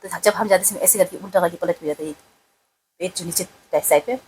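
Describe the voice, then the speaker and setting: A woman's voice: fairly low pitch, a little fast, darkish tone, a little hiss or hum, poor audio. A woman recounting a family accident in a rambling, emotional way, full of fillers. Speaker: wife of the vlogger. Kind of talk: casual storytelling.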